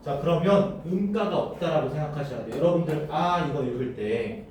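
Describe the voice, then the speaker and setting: A man's voice: a little high, a little fast, a little mellow, slight background noise. A man teaching a classroom lesson, often asking the students questions and then answering them himself. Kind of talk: classroom lecture. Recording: echoey room, voice from far off.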